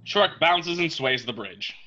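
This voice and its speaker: Script narrator, male: crisp-edged forceful tone, slightly raised pitch, reads stage directions, lo-fi sound. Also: expressive, unhurried.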